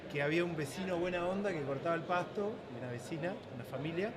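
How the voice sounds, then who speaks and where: A middle-aged man with a Uruguayan accent talks in a friendly, unhurried way, his voice sitting a bit high for a man. A loud trade fair crowd fills the background behind him. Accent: Uruguayan Spanish. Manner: friendly, reminiscing, with filler "este". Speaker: guest, sales manager. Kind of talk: casual interview chat.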